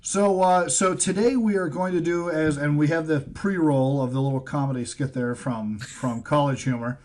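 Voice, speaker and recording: Um homem jovem apresentando um programa sobre cinema, falando de forma hesitante, cheio de pausas e "uh". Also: male voice, on the high side, darkish tone. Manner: halting, filler-heavy. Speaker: film show host. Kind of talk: casual chat.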